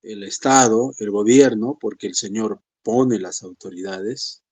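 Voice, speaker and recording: A man in a pastoral teaching session speaks with a warm, mellow tone. He talks to the congregation in a conversational way, calling them brothers, and now and then mimics the excuses of believers. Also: measured pace, slightly rough. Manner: conversational, addresses listeners as brothers; acts out believers' excuses in a higher voice.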